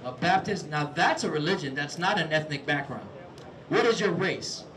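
A man preaching on the street to passersby, talking outdoors, repeating "all right?" and "man" and rising to shouted exhortation. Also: on the high side, expressive, normal speed, a crowd in the background, poor audio.

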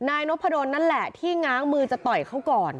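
A woman's voice: high-pitched, quick pace, highs cut off. Chatty woman news reporter. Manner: chatty, animated storytelling.

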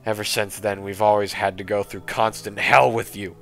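Mean bitter mom in a creepy story, read by a low-voiced guy, cold and scornful, faint music. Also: level tone, normal speed, gravelly, a bit bright. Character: cruel, resentful middle-aged mother.

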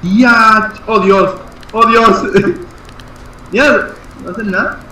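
A man's voice: sits high, very slow, pushed and bright, far from the mic. A man playing an online game, exclaiming often and coaching his teammates on what to do. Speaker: gamer. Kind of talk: excited multiplayer gameplay chat. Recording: roomy, off-mic, noisy game audio.

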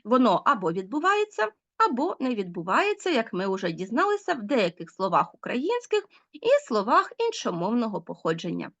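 A woman's voice: fairly high pitch, wildly swooping pitch, moderate pace, fairly bright tone, highs cut off. A woman teacher giving a recorded language lesson to schoolchildren, patiently explaining and asking them questions. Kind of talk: online language lesson for children.

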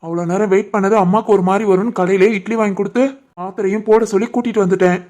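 A woman voicing a young husband and son in an animated family drama, scolding and stern, with a Tirunelveli Tamil accent. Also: mid-range voice, very fast, close to an everyday voice. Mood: hungry, weary. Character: young husband and son, short-tempered man.

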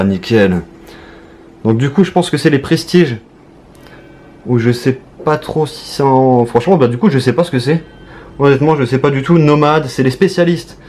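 A young man with a French accent talks his viewers through an unboxing, chatty and easily excited. His pitch sits mid-range. A faint hiss of background noise lies under the voice. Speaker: YouTuber. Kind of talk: casual unboxing commentary.

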